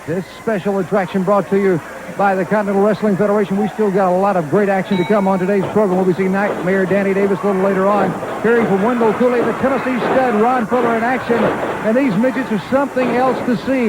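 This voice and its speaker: Male wrestling broadcast host, high pitch, live desk delivery over arena noise. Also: quick pace. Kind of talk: live sports broadcast hosting. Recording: noisy arena crowd behind the voice.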